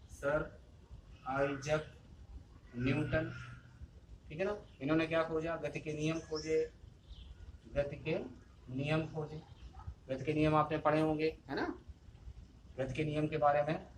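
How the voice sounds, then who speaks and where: A man teaches physics in a recorded lesson, with a slightly high voice. He goes over each point several times and asks questions that he answers himself. There is a faint hiss of noise behind him. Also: fairly bright tone. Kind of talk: classroom lesson video.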